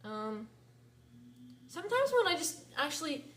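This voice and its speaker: Young female vlogger, higher voice, chatty and irritated, heavy on fillers and slang. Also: big pitch swings, unhurried, a bit bright. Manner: chatty, fills talk with "like", "bro" and "dude"; irritated, venting. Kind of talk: casual vlog rant.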